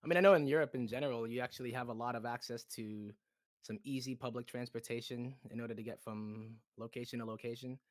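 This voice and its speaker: A man's voice: medium pitch, fairly even intonation, quick pace, no echo. A man hosting a casual livestream interview, chatty, upbeat and teasing. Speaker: community host.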